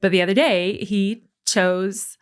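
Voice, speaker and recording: On a relaxed podcast, a forties-aged guest, an American author and adoptive mother from a military family, reflects earnestly, often circling back over words as she thinks. She speaks slowly in a medium-pitched, clear, resonant voice with fairly even intonation.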